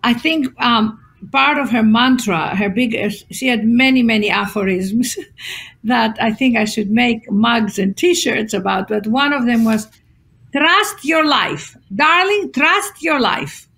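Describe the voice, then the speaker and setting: A woman's voice: a little high, unhurried, gravelly, slightly rough. A woman from Greece, a guest author telling stories in a conversational podcast interview and acting out the people she quotes. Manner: expressive storyteller acting out quotes, many fillers.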